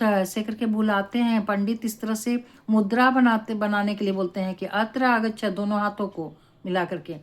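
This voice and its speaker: A woman teaching in a classroom. She talks at a slow, unhurried pace and keeps checking that her students are following. Her pitch sits in a middle range. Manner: slow and deliberate, often checks with "ठीक है". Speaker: Sanskrit teacher. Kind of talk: classroom lesson.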